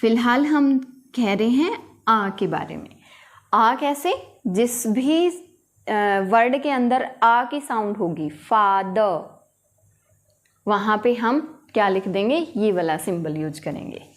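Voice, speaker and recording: Brief: woman teacher, fairly high voice, slow and patient, explains step by step while writing. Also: lively intonation. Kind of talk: phonetics lesson at a board.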